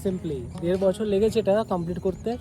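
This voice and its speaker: A woman chatting casually and explaining things haltingly, with some English words. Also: mid-range voice, steady tone, over music. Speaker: travel companion. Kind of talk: casual chat mixed with English.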